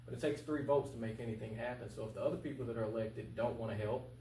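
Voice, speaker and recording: Being interviewed as a candidate for local office, a twenty-something man speaks fast in a warm, mid-range voice. His talk is casual, earnest, colloquial and emphatic, with points repeated for stress, captured on a distant mic in a roomy space with faint hum.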